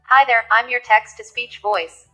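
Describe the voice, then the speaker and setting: A computer text-to-speech voice with a female sound, reading text aloud in an even, mechanical way. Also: a little high, a little slow, faint music behind. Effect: synthetic text-to-speech voice.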